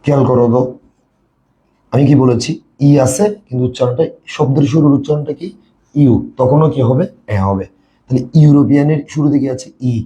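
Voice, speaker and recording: A man's voice: mid-range voice, mellow, dull audio. A man with a Bangladeshi Bengali accent, teaching a classroom lesson and repeatedly quizzing his students with questions. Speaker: English tutor.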